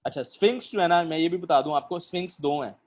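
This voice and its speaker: His voice on the high side, a male instructor leads an online literature class at a slow pace, full of pauses and fillers, and keeps putting questions to his students.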